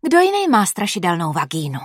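A woman's voice: on the low side, huge pitch swings, no room sound, clean studio sound. A woman reading a storybook voices a playful young woman who talks in a teasing, matter-of-fact way.

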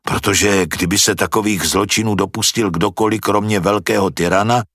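Impatient young hothead, read by a man, scoffing, husky voice, storybook dialogue. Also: lowish voice, steady tone, a bit bright, no room sound, clean studio sound.

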